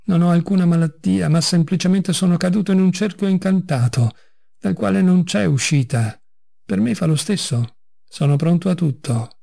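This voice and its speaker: A man's voice: sits high, normal speed, gravelly, mellow, pitched above the performer's own voice. A man voicing an agitated middle-aged male doctor who speaks in bitter, shaken outbursts in a storybook reading. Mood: despairing.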